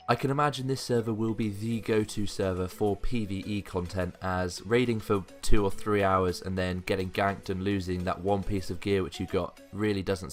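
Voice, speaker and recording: Low-voiced man presenting a countdown list video. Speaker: gaming video creator. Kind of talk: top five countdown list commentary. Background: background music.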